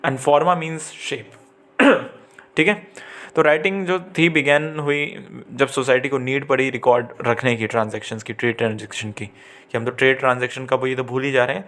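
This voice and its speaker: A man's voice: mid-range voice, a bit bright. Chatty male teacher. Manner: conversational, often checks in and corrects himself. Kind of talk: exam-prep lecture.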